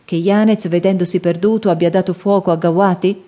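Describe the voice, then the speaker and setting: A woman's voice: on the low side, steady tone, a little fast, dark tone, natural voice. A woman voicing a proud, commanding male pirate chief who barks orders.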